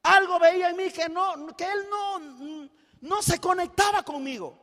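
A man works a seminar crowd with an unusually high, piercing voice. He tells stories fast and full of energy, often breaking into shouts. His voice rings with the long echo of a big event hall. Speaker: motivational speaker at a business seminar. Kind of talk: live motivational stage speech.

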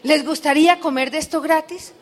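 A woman's voice: high voice, steady tone, a little fast. A middle-aged woman giving a live motivational speech to an audience, telling stories and asking the crowd rhetorical questions. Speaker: motivational business speaker.

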